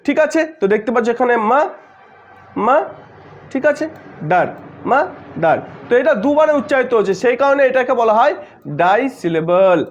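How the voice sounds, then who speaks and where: A man explaining an English grammar lesson, repeating each word slowly syllable by syllable. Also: very high voice, animated, dull audio, slight background noise. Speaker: English teacher.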